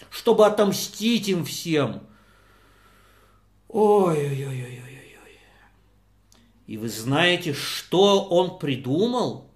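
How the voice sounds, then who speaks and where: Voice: medium pitch, a bit bright. A storyteller telling a folk tale dramatically, with sighs, exclamations and sound effects. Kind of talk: expressive oral storytelling. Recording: echoey room.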